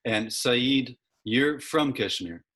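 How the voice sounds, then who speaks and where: A man hosting an interview, asking measured questions and rephrasing them carefully as he goes. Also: medium pitch, bright, forceful tone.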